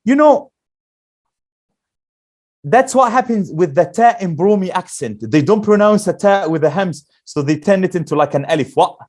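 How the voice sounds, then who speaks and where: A male Quran teacher leading a classroom lesson, slowly drilling letter sounds and asking the class questions. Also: high voice, lively intonation, darkish tone.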